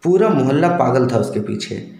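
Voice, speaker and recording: A man's voice: mid-range voice, expressive, normal speed, a little mellow. Wry man telling a funny story. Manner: wry, humorous, slangy. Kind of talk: spoken storytelling. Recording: roomy echo.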